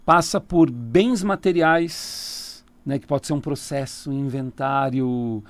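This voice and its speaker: Speaking slowly at a medium pitch, a man with a Brazilian Portuguese accent appears as a casual radio interview guest in a studio. He is a tarot reader who goes into long explanations and laughs easily.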